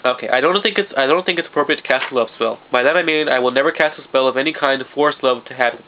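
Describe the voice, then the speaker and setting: A young man vlogs very fast at a medium pitch, his nose stuffed up, talking loosely and repeatedly restarting sentences. It's a casual monologue recorded as dull lo-fi home video with a faint hiss.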